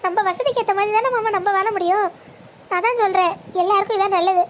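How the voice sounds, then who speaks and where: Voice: extremely high pitch, quick pace, a little hiss or hum. A voice actor playing a proud, troubled young bride-to-be in a family cartoon drama, speaking in a pleading yet resolute way. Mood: distressed.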